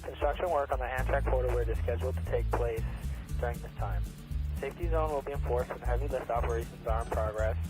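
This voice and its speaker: A man's voice: medium pitch, steady tone, music in the background, low-quality recording. A man reading a formal Coast Guard safety notice over a marine VHF radio broadcast. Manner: measured official announcer delivery.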